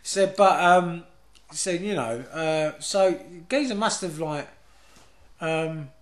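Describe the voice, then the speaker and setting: A man's voice: a little high, lively intonation, slow. A man, co-hosting a podcast in casual chat, rambling and swearing freely. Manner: rambling, swears a lot, laughs often. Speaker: podcast co-host.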